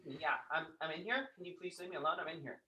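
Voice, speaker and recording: Trinity, a man putting her on, muffled through a door. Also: fast talker. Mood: hushed. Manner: low, hushed, rambling with fillers. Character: mysterious woman guide playing it cool. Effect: muffled through a closed bathroom door. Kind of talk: improvised comedy sketch. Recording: muffled, distant, behind a door.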